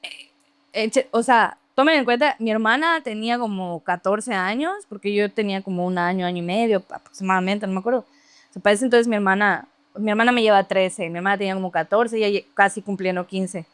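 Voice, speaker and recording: A woman telling a story from her childhood in casual, lively conversation, laughing often and imitating other people's voices. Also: mid-range voice, brisk, clean tone, no room sound. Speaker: podcast guest.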